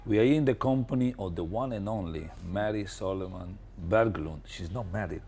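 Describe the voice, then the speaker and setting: A man hosting a podcast interview, effusive in his praise and often halting and restarting mid-sentence. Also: lowish voice, mellow, a little hiss or hum. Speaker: podcast host.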